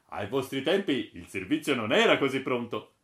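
A man's voice: medium pitch, very animated, normal speed, fairly bright tone, voice pushed up. A man voicing a confident guide who explains a future world to visitors, assured and explanatory. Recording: roomy echo.

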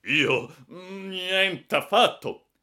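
A man voicing a flustered, irate older salesman who shouts and sputters in outbursts. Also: high voice, expressive, very slow, voice pushed up, heavily acted. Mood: panicked.

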